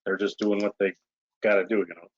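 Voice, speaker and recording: A man with a lowish voice chairs a village board meeting over video call, speaking briskly yet casually, rambling with many fillers. The audio is muffled and lo-fi.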